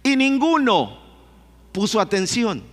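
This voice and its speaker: Man, pastor, sermon storytelling, high voice, echoing hall. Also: huge pitch swings, slow pace. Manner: storytelling, asks the congregation questions. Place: church hall. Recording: long hall reverb.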